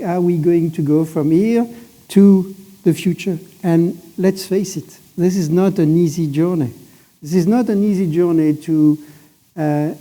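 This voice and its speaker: Dark-voiced man on a conference panel. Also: sits high. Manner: measured, emphatic, restarts phrases. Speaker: panelist, satellite operator executive. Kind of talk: industry panel discussion.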